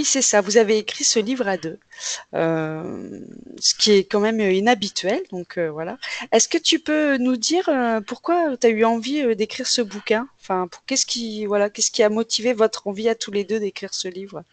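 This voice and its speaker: A woman's voice: medium pitch, expressive, normal speed, no room sound. Female host, casual and hesitant, filler-heavy, dry close recording. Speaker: interviewer host. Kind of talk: casual interview chat.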